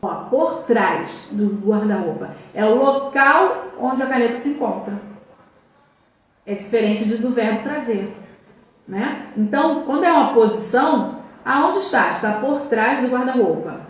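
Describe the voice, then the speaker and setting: A Brazilian woman gives a grammar lesson, her fairly high voice ringing through a very echoey room. She sounds set back from the mic, pausing to check in and repeating word pairs slowly. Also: expressive, distant mic. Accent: Brazilian Portuguese. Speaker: Portuguese language teacher.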